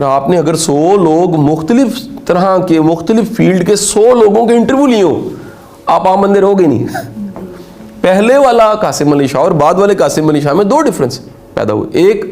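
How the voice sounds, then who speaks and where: A man's voice: a little high, darkish tone. A middle-aged man, giving a motivational talk emphatic delivery and rhetorical questions to his listeners. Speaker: motivational speaker.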